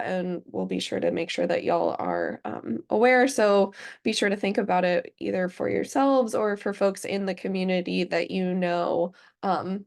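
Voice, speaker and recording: A woman's voice: on the low side, creaky. A woman, sounding sick, giving an earnest working group update at an online meeting with many fillers. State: sick, under the weather.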